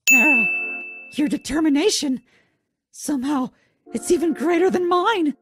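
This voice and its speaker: A woman's voice: high-pitched, expressive, measured pace, fairly bright tone, faint music behind. A woman voicing a childlike male talking flower, bitter and scheming, in a dramatic cartoon fan dub. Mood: intent.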